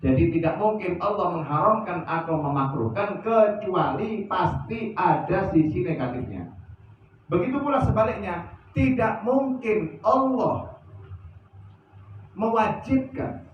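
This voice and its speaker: A man preaching at a religious study session, animated, asking rhetorical questions of his listeners. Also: high-pitched, measured pace, a little hiss or hum. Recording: echoey, distant, dull lo-fi sound.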